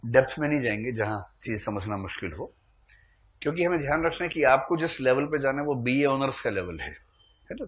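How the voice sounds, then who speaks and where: A man delivers a literature lecture at an ordinary mid-range pitch. He explains patiently and conversationally. He slips in humorous asides that draw a chuckle. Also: a little hiss or hum. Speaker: literature teacher. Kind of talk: classroom lecture.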